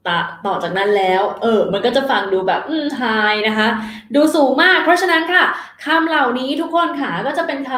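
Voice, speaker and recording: A woman's voice: fairly high pitch, fairly bright tone, reverberant. A woman teaching English vocabulary, talking patiently, repeating key words and adding polite particles. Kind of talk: vocabulary lesson.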